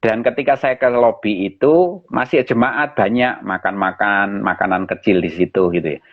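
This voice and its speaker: A man, a pastor, telling a personal story in an animated way during a live interview. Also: on the low side, moderate pace. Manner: animated storyteller, addresses listeners as brothers and sisters. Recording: dull lo-fi live-stream audio.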